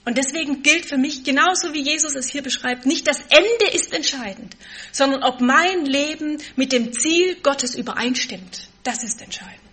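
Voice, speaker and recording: A woman preaching a sermon, stressing key words with force and then dropping to a soft, quiet tone. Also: high-pitched, normal speed, few pauses.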